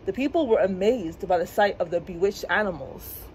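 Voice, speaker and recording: Expressive woman reading a storybook. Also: medium pitch, a little fast, a little hiss or hum, rough recording. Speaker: librarian storyteller. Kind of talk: children's story time reading. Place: public library.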